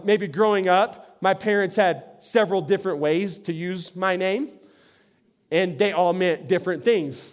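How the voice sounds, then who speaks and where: A man giving a sermon in a conversational way, often repeating words as he starts a sentence. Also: high voice. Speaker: pastor.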